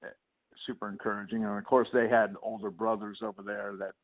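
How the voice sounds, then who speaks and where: A man's voice: on the low side, level tone, fairly quick. A man, a musician guest, chatting casually and rambling in an interview, often laughing at himself. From Northern California. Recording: tinny phone-like sound.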